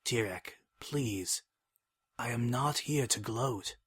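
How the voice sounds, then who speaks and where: A man voicing a gentle, anxious winged monster pleading with his brother in a soft, measured, theatrical dramatic reading. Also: medium pitch, husky. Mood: earnest, pleading.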